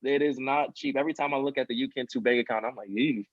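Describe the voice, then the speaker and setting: On a dry, dull lo-fi recording, a fast-talking twenty-year-old man with a medium-pitched voice appears as a podcast guest. A student nonprofit founder, he speaks earnestly and from the heart in a casual interview, peppering his speech with "you know" and "um."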